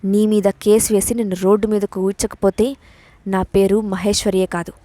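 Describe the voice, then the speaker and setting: A woman's voice: medium pitch, flat delivery, normal speed, mellow, dry recording, natural voice. A woman reading the part of an arrogant, scheming older woman in an audio story, speaking angrily and boastfully. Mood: furious. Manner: angry, boastful.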